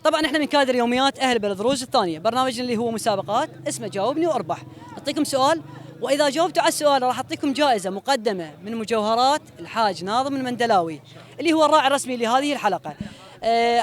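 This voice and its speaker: A man with an Iraqi Arabic accent hosts a quiz outdoors on the street, courteously addressing contestants and viewers in set presenter phrases. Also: very high-pitched. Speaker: host of a street quiz show.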